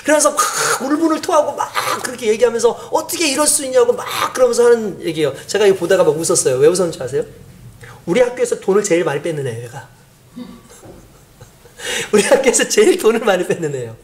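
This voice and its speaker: Lively man preaching a conversational sermon. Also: sits high, fairly quick. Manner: animated, acts out quoted voices; conversational, asks the congregation questions. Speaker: pastor.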